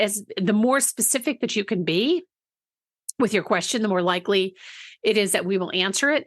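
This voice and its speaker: A woman's voice: medium pitch, fairly bright tone, no room sound. Chatty woman podcast co-host, dry close sound. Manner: chatty, self-correcting, laughs easily. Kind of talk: casual podcast chat.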